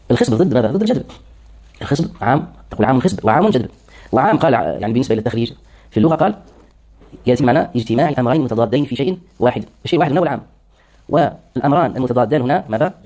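A man with a warm, mid-range voice gives a classroom lecture on hadith terminology. He explains the terms one by one and answers his own questions.

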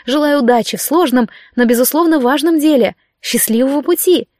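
Storybook figure: a brisk, cheerful queen, as a woman reads her, bright-voiced and gracious. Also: high-pitched, dry recording, studio quality, voice pushed up, close to an everyday voice.

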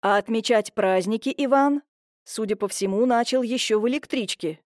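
A woman doing an irritable, gruff man. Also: a little high, moderate pace, dry recording, clean studio sound, lightly acted. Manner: grumbling, then bursts of shouting.

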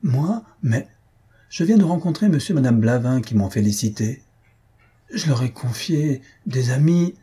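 A man voicing a practical, coaxing middle-aged mother in an audiobook, with a husky, dark voice. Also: medium pitch, expressive, moderate pace, pitched above the performer's own voice. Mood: indignant. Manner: coaxing, matter-of-fact.

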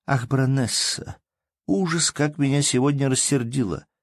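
A man's voice: medium pitch, normal speed, no echo, clean studio sound, pitched above the performer's own voice, lightly acted. A man voicing a chatty young society lady who gushes and exclaims, in a read-aloud story. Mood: gushing. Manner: gushing, exclamatory.

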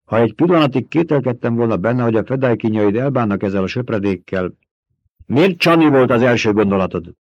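A man reading the part of a stern, commanding young desert leader with a sharp, forceful way of questioning. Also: medium pitch, hardly any pauses, no echo, close to an everyday voice. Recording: dull, dry recording.

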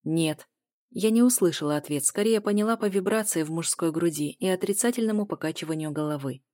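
Low, mellow-voiced woman narrating. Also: quick pace. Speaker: audiobook narrator. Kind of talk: first-person scripted narration.

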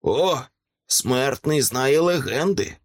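A man voicing a smug, disdainful dragon that has taken the form of a small man, speaking slowly and haughtily in an audiobook. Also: mid-range voice, lively intonation. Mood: haughty. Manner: slow, haughty, contemptuous. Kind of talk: audiobook character reading.

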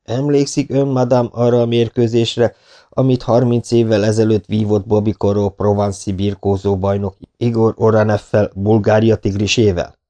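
A man's voice: fairly low pitch, flat delivery, dark tone, close to an everyday voice. A man reading an audiobook, voicing a friendly, polite middle-aged burglar with a courteous, chatty manner. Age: 40s. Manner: courteous, chatty, self-deprecating. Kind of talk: audiobook character voice.

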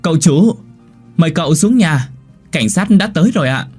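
A man voicing an older female housemaid in a ghost story, speaking in a high, strained, shouting voice with a husky edge. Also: animated, normal speed, soft background music. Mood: polite. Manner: shrill, shouting.

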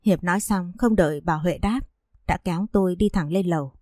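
A woman narrating a first-person story in a steady storytelling manner. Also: lowish voice, fairly quick, no echo, clean studio sound.

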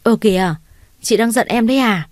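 A woman's voice: a little high, normal speed, a little mellow, no echo, lightly acted. A woman reading an eager young male doctor. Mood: pleading. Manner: polite, eager to please.

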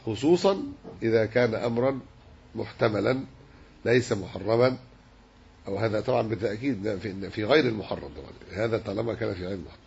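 A man teaching a religious lesson, measured and explanatory as he works through a hadith commentary. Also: on the low side, vocal fry, a little mellow, slightly rough. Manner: measured, explanatory, dwells on word forms. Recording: dull lo-fi recording with faint hiss.

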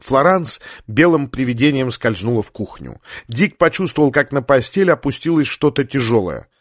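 A man narrates a novel in an even, measured storytelling voice of middle pitch. The recording is dry and close, with no room sound. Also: dry recording. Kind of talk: audiobook narration.

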